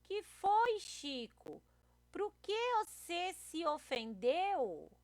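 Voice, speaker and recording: A woman voicing a sweet young country girl from a comic strip, in a bright sing-song reading. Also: extremely high pitch, sing-song, extremely slow, no room sound, pitched above the performer's own voice, heavily acted.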